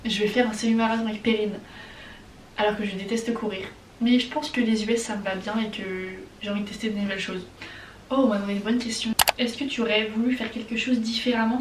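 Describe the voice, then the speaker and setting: A young woman from France with a French accent, chatting casually and excitably as she answers viewer questions in a vlog. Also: medium pitch, echoey room, far from the mic, a little hiss or hum. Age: young adult. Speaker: vlogger.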